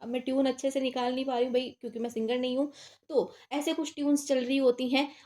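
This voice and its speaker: Chatty woman teacher, slightly high voice. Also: flat delivery, fast talker, warm tone. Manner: conversational, asks and answers own questions. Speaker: literature teacher. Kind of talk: casual Hindi exam-prep lecture.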